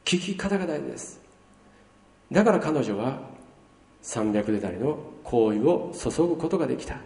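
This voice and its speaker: A man's voice: medium pitch, moderate pace, gravelly. Male pastor, sermon, bursts of emphasis, heard from afar in a reverberant church hall. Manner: lively preaching, swinging between loud emphasis and hushed asides. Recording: roomy hall reverb from far off.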